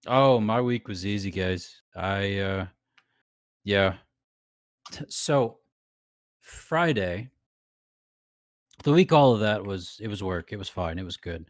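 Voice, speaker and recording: A man co-hosting a podcast, telling a story in lively casual chat and laughing often. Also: fairly low pitch, slow, long pauses, dry recording, clean studio sound. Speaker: podcast co-host.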